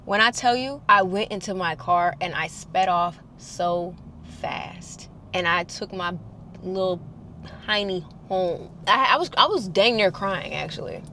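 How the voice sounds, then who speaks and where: Young woman vlogger, casual storytime, animated delivery. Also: a little slow, a little hiss or hum. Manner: animated, acts out quotes in higher voices.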